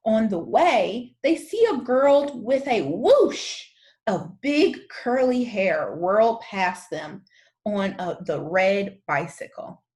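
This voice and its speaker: A storyteller's reading of a children's story, delivered by a woman with a mid-range voice. The phrasing is careful and expressive, with moments of dramatic emphasis.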